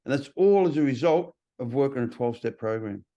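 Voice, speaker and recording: A man's voice: medium pitch, lively intonation, a little fast, mellow. Blunt man, lo-fi sound. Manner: blunt and sweary, acts out quoted voices. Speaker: podcast host. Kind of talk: casual chat. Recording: slightly dull lo-fi sound.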